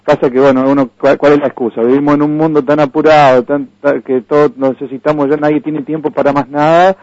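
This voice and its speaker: Argentine man, halting earnest radio guest. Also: a little high, level tone, darkish tone, no room sound. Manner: hesitant, many restarts and fillers, earnest. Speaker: guest from an environmental campaign. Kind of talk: radio interview. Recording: dull lo-fi dry radio recording.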